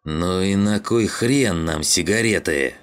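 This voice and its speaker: A man voicing a gruff, bossy male scavenger leader who swears and barks orders. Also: deep voice, takes it slowly. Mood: irritated. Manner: rough, swearing, barking orders.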